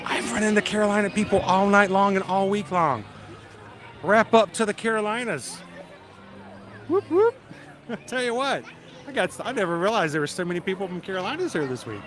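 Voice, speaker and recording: A middle-aged man from South Georgia with a deep Southern accent, chatting casually and folksily as he hosts a livestream. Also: expressive, quick pace, fairly bright tone, a faint crowd. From South Georgia, United States. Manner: chatty, folksy, greets viewers by name. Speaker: livestream host. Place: outdoors in a busy theme park.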